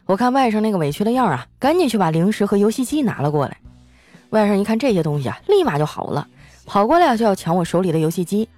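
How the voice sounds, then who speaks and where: A woman's voice: mid-range voice, big pitch swings, quick pace, a little mellow, dry recording, faint music behind. Playful young woman telling comic stories. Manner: playful, giggly. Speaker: podcast host. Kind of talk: comic storytelling.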